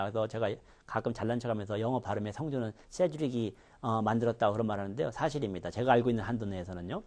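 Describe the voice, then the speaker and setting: A man's voice: medium pitch, warm tone. A man teaching English pronunciation in a recorded lecture, demonstrating sounds with exaggerated contrasts.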